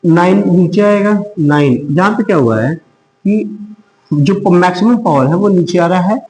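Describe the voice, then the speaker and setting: Man, math tutor, slow deliberate delivery, roomy echo. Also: sits high, animated, a little mellow, slight background noise. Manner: slow, step-by-step explaining with rhetorical questions. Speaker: math teacher. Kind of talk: blackboard math lesson.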